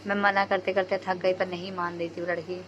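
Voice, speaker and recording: A woman's voice: on the low side, flat delivery, brisk, muffled recording, noisy background. A young woman, a mother, chattily narrating a home video of her daughter in casual voice-over.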